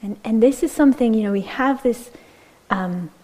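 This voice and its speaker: A woman meditation teacher giving a gentle, unhurried dharma talk, often checking in with "yeah?" and sometimes dropping to a near-whisper. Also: fairly high pitch, rough recording.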